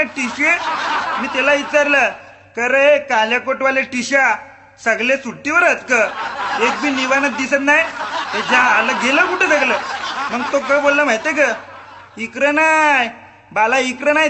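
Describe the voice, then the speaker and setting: A man's voice: very high voice, noisy background, pitched above the performer's own voice. A man playing a rustic man with an Agri Marathi accent who tells his travel tale in a rambling, laughing way. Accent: Agri Marathi dialect.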